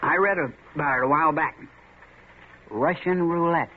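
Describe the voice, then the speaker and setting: In a 1940s radio drama, an actor plays Red, a swaggering young tough who coaxingly taunts his friend as a coward. His voice is a little high and lightly acted at a normal speed, heard through a tinny lo-fi old broadcast with faint hiss.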